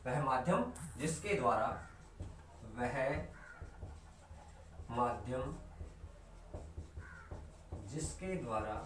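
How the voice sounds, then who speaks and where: A man from India with a medium-pitched, expressive, fairly bright voice teaches Hindi online, asking and then answering his own questions and repeating key terms. He slows right down to emphasize definitions. The recording is distant and echoey, with slight background noise.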